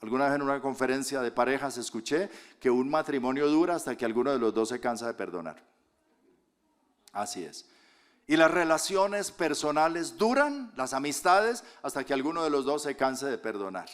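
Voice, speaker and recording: A Colombian man preaching a sermon as pastor, moving from loud emphatic lines to soft hushed asides. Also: medium pitch, expressive, moderate pace. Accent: Colombian Spanish.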